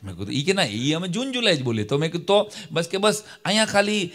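A man telling comic stories on a live stage, acting out dialogue in lively voices. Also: sits high, quick pace. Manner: animated, acts out dialogues, bursts of laughter. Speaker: stand-up comedian and storyteller. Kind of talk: live stage comedy storytelling.

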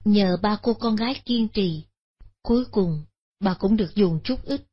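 A woman, narrating a Buddhist moral story in a measured, solemn way. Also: mid-range voice, husky. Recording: dull lo-fi sound.

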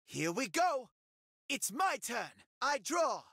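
A man's voice: extremely high pitch, sing-song, slow pace, noisy background, full character voice. A man voicing a gloating, imperious villain duelist in an anime card game, taunting and theatrical. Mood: smug.

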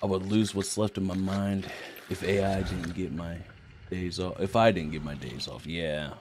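A man chatting casually while streaming a game with friends, relaxed and quick to laugh. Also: low-pitched, a little hiss or hum. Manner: relaxed, laughs often, swears. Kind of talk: casual gaming chat.

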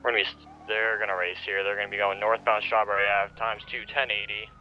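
A man's voice: fairly low pitch, level tone, fast talker. A man calling out over a police radio in a roleplay game, clipped and matter-of-fact, using radio codes. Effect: police radio transmission. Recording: dull lo-fi radio sound with faint noise.

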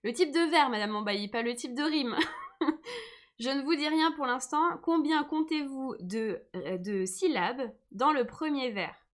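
A woman's voice: high voice, unhurried. A woman teaching a live online lesson, patient and encouraging, who says she is tired today. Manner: patient, encouraging, reads comments aloud.

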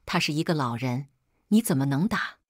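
A woman's voice: deep voice, lively intonation, a little fast, husky, no echo, clean studio sound, voice pushed down. Woman voicing a curt, cold young boyfriend. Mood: stern. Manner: curt, placating the elder, scolding.

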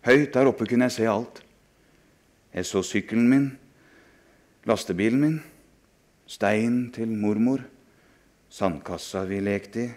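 Low-voiced man, dramatic novel reading, hushed storytelling tone. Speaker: author reading aloud.

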